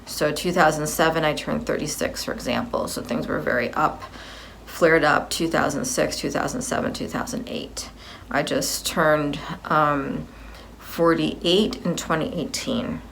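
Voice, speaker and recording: Woman in her fifties, deep voice, gravelly, rambling and self-correcting, personal video update. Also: fairly even intonation, measured pace, fairly bright tone, slight background noise. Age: 50s. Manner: rambling, repeats and corrects herself.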